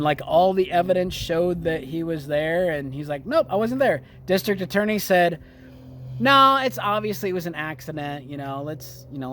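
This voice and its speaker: A man ranting sarcastically about current events in heated, profane commentary. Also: high voice. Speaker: political commentary vlogger.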